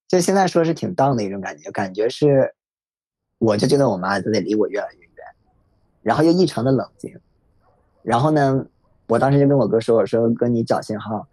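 A man in his thirties telling a personal story in a reflective, halting way, with many fillers. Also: medium pitch, expressive, mellow, no echo. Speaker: podcast guest sharing a personal story. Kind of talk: emotional first-person storytelling. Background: faint background music.

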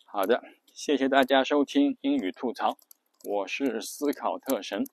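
A man hosting an English lesson podcast, explaining patiently and repeating example phrases slowly. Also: medium pitch, dry recording. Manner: drills English phrases aloud. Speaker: English teacher and podcast host. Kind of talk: spoken lesson on English rhythm.

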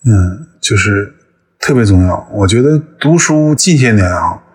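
A man's voice: on the low side, animated, a little slow, breathy edge. A man in his fifties from northeast China, a podcast guest talking thoughtfully with frequent hesitations. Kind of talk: conversational interview.

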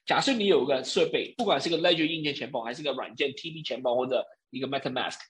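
A man's voice: mid-range voice, quick pace, fairly bright tone. A man speaking Mandarin as a non-native with a foreign accent, explaining things off the cuff in a didactic way, often checking that listeners follow. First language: not a native Mandarin speaker. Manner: didactic, with frequent check-in tags. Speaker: interview guest, crypto wallet expert. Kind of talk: spontaneous explanatory talk.

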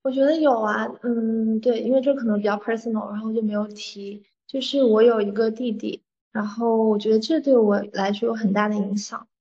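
A woman's voice: a little high, fairly even intonation, brisk, warm tone. A young woman from southern Fujian with a Taiwanese-sounding southern Min accent in her Mandarin, telling personal stories in a reflective, hesitant, conversational way. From southern Fujian (Minnan), China. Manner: hesitant, reflective, mixes in English words. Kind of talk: personal storytelling in casual conversation. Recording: slightly muffled, band-limited audio.

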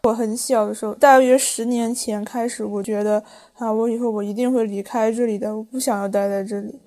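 A young woman co-hosting a podcast, answering in a measured, agreeable way during a casual chat. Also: a little high, steady tone, warm tone. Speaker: podcast co-host.

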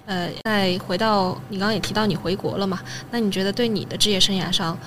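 A woman's voice: mid-range voice, steady tone, fast talker, a little hiss or hum. A woman hosting a casual podcast interview, asking questions and now and then dropping in English words. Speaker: podcast host.

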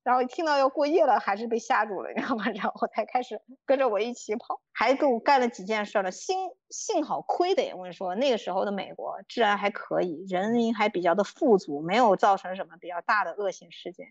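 A young woman guest on a podcast, telling stories in an animated, casual way, swearing freely and acting out quotes. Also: medium pitch, fast, hardly any pauses, dry recording. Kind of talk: casual storytelling chat. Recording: dull lo-fi dry sound.

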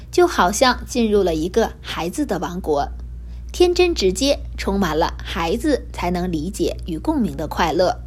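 A woman hosting a children's learning program, reading a picture book aloud with gentle expression. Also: medium pitch. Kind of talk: storytelling for children.

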